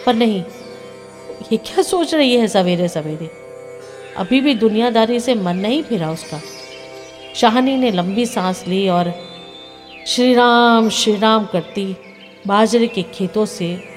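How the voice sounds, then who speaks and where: A woman narrating a short story aloud in a measured, expressive way with dramatic pauses. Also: medium pitch. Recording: reverberant with soft background music.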